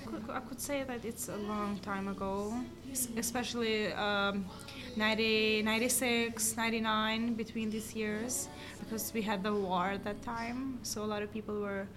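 A woman in her twenties from Kosovo, speaking English with an Albanian accent, chatting haltingly with many fillers and restarts in an interview. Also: mid-range voice, little pitch movement. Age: 20s. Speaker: interview guest, coffee shop worker. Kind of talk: casual interview chat. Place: basement seating of a coffee shop. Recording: music playing in a cafe. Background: music.

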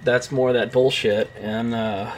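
A man's voice: medium pitch, steady tone, slow, a little hiss or hum. A young man co-hosting a podcast, talking through a film in a rambling, casual way with lots of fillers and restarts, swearing now and then. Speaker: podcast co-host.

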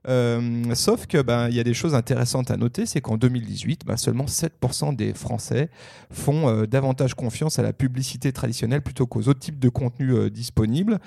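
Gravelly-voiced French man, casual talk. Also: medium pitch, a little fast, mellow, dry recording, studio quality. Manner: hesitant, many fillers and restarts. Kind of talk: casual podcast discussion.

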